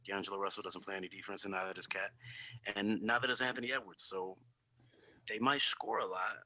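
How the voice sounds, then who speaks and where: A young man co-hosting a casual sports podcast, arguing his point in a low, measured way that turns heated. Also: fairly even intonation, low-quality recording. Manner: argumentative, quiet and measured then heated. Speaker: podcast co-host.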